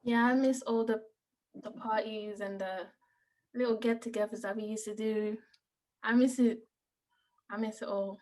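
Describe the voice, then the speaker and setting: Wistful young woman, fairly high voice. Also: fairly even intonation, normal speed, long pauses, darkish tone. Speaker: community group participant.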